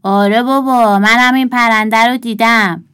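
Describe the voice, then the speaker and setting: A woman's voice: fairly high pitch, steady tone, a bit bright, clear, resonant tone, natural voice. A woman voicing a curious little boy in a storybook, speaking eagerly.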